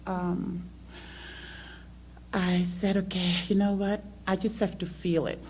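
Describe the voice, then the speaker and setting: Speaking slowly and flatly, with a fairly low, slightly mellow voice, a middle-aged woman offers her church testimony, punctuated by frequent ums. Originally from South America, she grew up in the Netherlands. A faint hum can be heard in the background.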